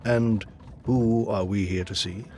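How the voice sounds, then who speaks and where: A man playing a loyal, kindly Victorian doctor in an audio drama, speaking in a genteel, old-fashioned and expressive way. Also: on the low side, a little slow, soft background music, lightly acted. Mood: warm, wry.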